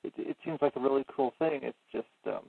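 A man's voice: mid-range voice, brisk, gravelly. A young man co-hosting in casual chat with brief, hesitant replies over a thin, hissy line. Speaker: podcast co-host. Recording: distant, phone-like line with loud hiss.

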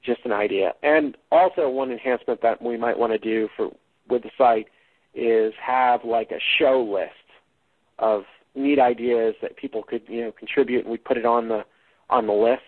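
Husky man podcasting on a dull cheap mic. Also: mid-range voice, steady tone. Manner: rambling, halting, thinking aloud. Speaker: podcast host. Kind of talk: casual unscripted podcast discussion.

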